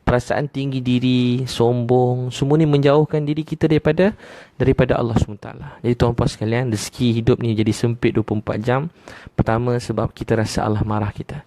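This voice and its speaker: A man with a Malaysian Malay accent giving a religious lecture, repeating his points in a gently emphatic way and dropping to soft lows. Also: fairly even intonation, fast, no echo. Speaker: preacher.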